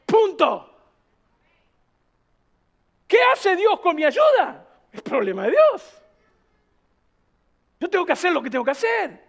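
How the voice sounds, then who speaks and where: A man's voice: extremely high pitch, huge pitch swings, slow, creaky, pauses often. A man, a pastor preaching emphatically to a church, firing off rhetorical questions. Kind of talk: sermon.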